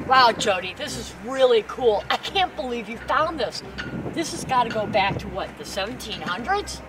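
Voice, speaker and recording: A woman's voice: on the high side, animated, moderate pace, natural voice. A woman playing an earnest, keen friend in a light skit. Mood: curious. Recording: roomy, loud music underneath.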